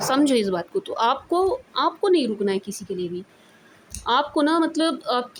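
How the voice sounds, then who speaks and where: Woman, Indian accent, casual tarot reading, chatty, mixes in English, slightly high voice. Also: slight background noise. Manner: chatty, mixes English into Hindi, repeats "theek hai ji". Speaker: tarot reader.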